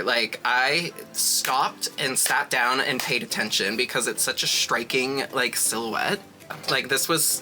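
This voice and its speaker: A man's voice: medium pitch, sharp tone. A man with a sassy drag queen manner, giving casual, dramatic and emphatic reaction commentary.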